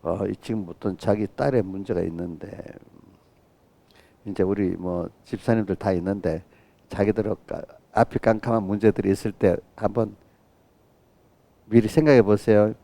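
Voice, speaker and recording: A man's voice: on the low side, fairly even intonation, normal speed, vocal fry, pauses often, mellow. A middle-aged man preaching an early-morning sermon as pastor, talking with the congregation and often asking "right?". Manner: acts out quoted voices of children and God in his own voice.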